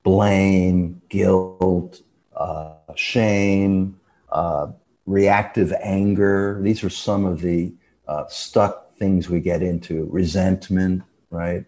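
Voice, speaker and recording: A man speaks as a guest on a radio interview in a very deep voice. His tone is dark and mellow. He explains step by step in a measured way and lets his phrases fade out softly. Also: steady tone. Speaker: guest expert on dreams.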